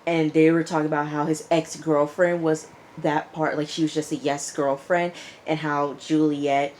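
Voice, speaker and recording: Deep-voiced and flat in delivery, this reviewer talks at a normal speed with a darkish tone, and slight background noise is audible. Her reality TV recap is casual and opinionated, and she acts out what people said.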